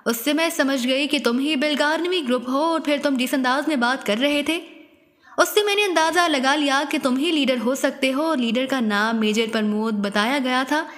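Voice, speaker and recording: A captive woman spy, wounded and fearful, as the woman narrator plays her speaks in a high voice. A long hall reverb trails each line of this spy audiobook. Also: moderate pace, a bit bright. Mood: confessing. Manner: pleading, fearful.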